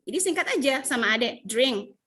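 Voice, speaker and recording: A woman from Indonesia teaching English in an online class, explaining in Indonesian and modelling English phrases with lively intonation. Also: on the high side, a little fast, background noise. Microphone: video call.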